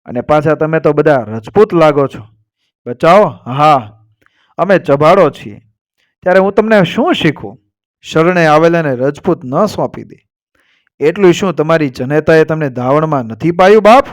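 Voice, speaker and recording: A man's voice: on the high side, animated, moderate pace, close to an everyday voice. A man voicing a proud, fearless old Rajput matriarch. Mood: firm, protective. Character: proud older Rajput woman, fearless protector. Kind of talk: storytelling recitation.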